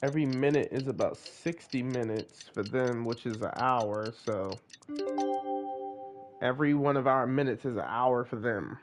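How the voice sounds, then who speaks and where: A gaming streamer gives casual, playful commentary on his gameplay, talking in a slangy way at a moderate pace. His voice is mid-range, with game music playing behind it.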